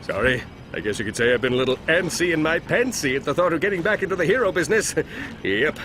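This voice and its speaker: An actor playing a pompous, cowardly, bumbling space hero captain in a bombastic, theatrical video game style. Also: male voice, fairly high pitch, animated, fast, a bit bright, slight background noise. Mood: boastful. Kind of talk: animated game voice acting. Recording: music behind the voice.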